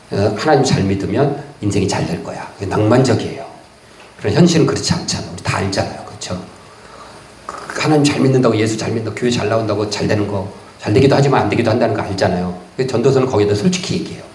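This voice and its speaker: A man preaching a sermon as pastor, in lively conversational speech. He reads verses slowly, then puts them in casual everyday words. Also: fairly low pitch, roomy sound, slight background noise. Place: church sanctuary.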